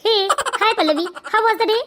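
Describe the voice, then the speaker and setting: A performer with a very high voice playing a dutiful grown son and father in an animated family story, earnest and lecturing. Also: takes it slowly, very noisy. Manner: earnest, turns stern and lecturing. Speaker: cartoon character.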